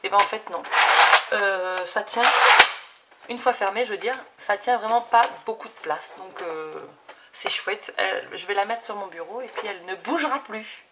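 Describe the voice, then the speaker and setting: A woman in her thirties chatting casually at her home craft desk, enthusiastic and full of fillers as she unboxes gifts, recorded on a camera set low on the desk. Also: moderate pace. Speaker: craft YouTuber. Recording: audible background noise.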